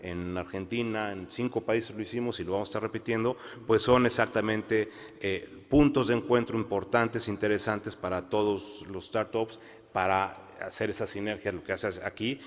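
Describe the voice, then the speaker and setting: A man talks on a conference panel in a lowish voice, pausing and restarting as he thinks. His voice rings out in a large hall with a long reverb. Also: steady tone. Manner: measured, many fillers and restarts. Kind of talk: panel discussion.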